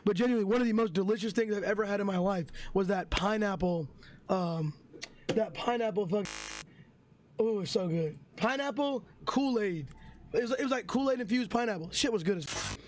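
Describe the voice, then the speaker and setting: A young man, hoarse from yelling, telling a heated storytime to his chat and swearing often. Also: high voice, brisk, a little hiss or hum. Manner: heated, swearing, talks to chat as "bro" and "guys". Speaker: streamer.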